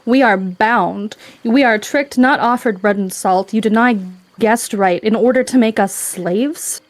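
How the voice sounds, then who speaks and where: A woman's voice: on the high side, unhurried, natural voice. A woman playing a solemn, righteous female protector returned from death in a tabletop game, speaking in earnest declarations. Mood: accusing.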